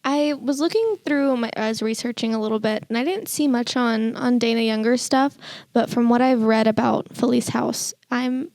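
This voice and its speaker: A woman's voice: a little high, moderate pace, few pauses, a little mellow, no echo. A woman co-hosting a podcast, chatting casually about art in a rambling, giggly way and often restarting her sentences. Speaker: podcast co-host.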